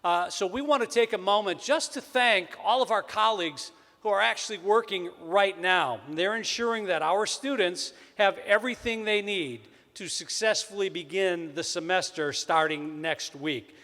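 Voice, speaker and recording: Bright and forceful at a moderate pace, the man emceeing a college convocation speaks with a Wisconsin accent, being from Wisconsin himself. In a large hall with long reverb, he makes upbeat, joking announcements and opens with a booming sports-announcer-style intro.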